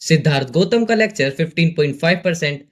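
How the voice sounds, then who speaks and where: A male narrator recapping an anime in a steady, scripted telling, with a fairly high pitch. He strings scenes together with the same linking phrases again and again. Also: fast talker.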